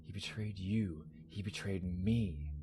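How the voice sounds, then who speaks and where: In an audio drama, a male actor voices a smug, manipulative villain, taunting in a low, slow, breathy, teasing voice. He often slips into a menacing whisper laced with mock politeness, over a noisy background.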